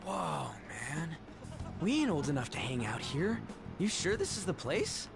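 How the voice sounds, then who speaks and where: A man's voice: on the high side, very animated, a little slow, gravelly, full character voice. Brash, grumbling teenage boy. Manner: slangy, blunt, whiny. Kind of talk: video game dialogue acting. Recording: background music under dialogue.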